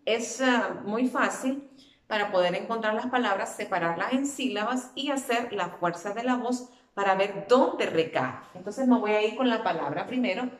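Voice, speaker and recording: A woman teacher giving a spelling lesson to children, patiently drawing out and repeating words as she explains. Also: medium pitch. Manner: patient, drawn-out repetition of words. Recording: echoey room.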